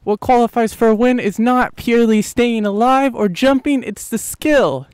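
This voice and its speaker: A man voicing a hyped male monster truck arena announcer in an improvised role-play, with a drawn-out, booming showman delivery. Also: darkish tone, clean tone, no echo.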